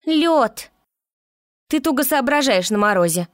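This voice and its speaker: A woman's voice: a little high, lively intonation, normal speed, dry recording, studio quality, voice pushed up, natural voice. A woman reading an audiobook voices a bossy, scolding female water spirit in a raised voice. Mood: impatient.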